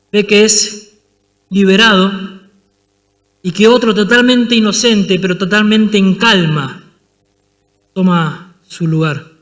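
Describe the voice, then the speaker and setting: High, bright-voiced Argentine pastor preaching. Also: male voice, big-room sound. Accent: Argentine Spanish. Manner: dramatic storytelling, acting out scenes. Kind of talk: sermon.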